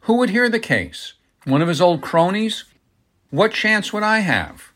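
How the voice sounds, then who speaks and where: A man's voice: mid-range voice, animated, moderate pace, pushed and bright. A man reading the part of a pompous, cornered middle-aged businessman who grows defensive and flustered when pressed. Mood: indignant.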